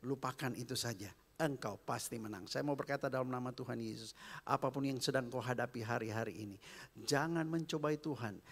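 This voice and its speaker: A man preaching a sermon, swinging between hushed whispers and loud, emphatic calls. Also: mid-range voice, fairly quick, vocal fry. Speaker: pastor. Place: church hall. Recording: long reverb of a church hall with faint music.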